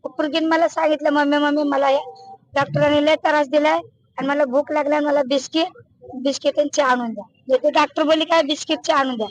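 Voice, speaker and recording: A woman, the mother of a patient, tells a reporter what happened, in halting, repetitive colloquial speech full of restarts. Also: high voice, fairly even intonation, lo-fi sound. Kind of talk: emotional testimony to a reporter.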